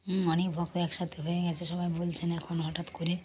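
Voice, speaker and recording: Hoarse woman, low flat voice, quick devotional vlog chat, faint hiss behind. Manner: earnest, devotional, talks to viewers as friends. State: hoarse from a cold. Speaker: vlog host, pilgrimage guide. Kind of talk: casual vlog narration.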